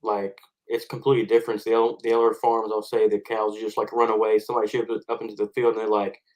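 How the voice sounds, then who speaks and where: A man's voice: on the low side, monotone, fast talker, rough recording. A man, a farmer guest on a podcast, explaining and telling stories casually.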